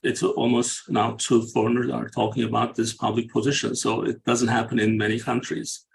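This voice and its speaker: A man's voice: medium pitch, flat delivery, normal speed, creaky, poor audio. A middle-aged man from Turkey hosting an interview, asking questions with many hesitant fillers. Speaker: interview host.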